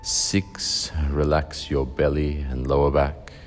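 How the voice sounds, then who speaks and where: Man, meditation guide, extremely deep voice, unhurried, soothing, faint background music. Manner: slow, calm, soothing instructions with long pauses.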